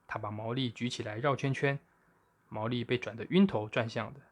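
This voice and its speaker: A male storyteller who reads a children's tale aloud. He keeps his voice at an ordinary middle pitch and tells the story with lively expression. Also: a little fast.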